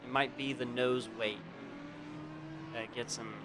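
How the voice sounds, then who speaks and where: A man in the middle of his voice range hosts a sim racing stream and talks through the action in a relaxed, chatty way, often turning to greet his viewers. He speaks into a home streaming mic. Racing game engines roar clearly underneath his voice. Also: mid-range voice, measured pace. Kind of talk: casual live race commentary. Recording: game car engine noise behind voice. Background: racing game engine and track sounds.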